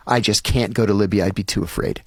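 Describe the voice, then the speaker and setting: A man acting out a stubborn male client who flatly refuses every suggestion. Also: lowish voice, fast talker, vocal fry, breathy edge, dry recording, clean studio sound, pitched below the performer's own voice.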